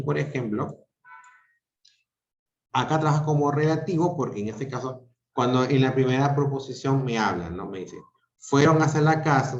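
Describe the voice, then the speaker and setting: A male teacher giving an online grammar class, explaining step by step and checking in with his students often. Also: medium pitch. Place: home room on a video call. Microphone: video call microphone. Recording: roomy, dull video call audio.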